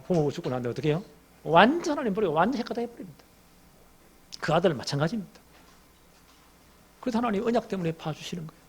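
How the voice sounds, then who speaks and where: Gravelly, husky male preacher. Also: high-pitched. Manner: animated storytelling, asks the congregation questions. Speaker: pastor. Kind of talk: expository sermon.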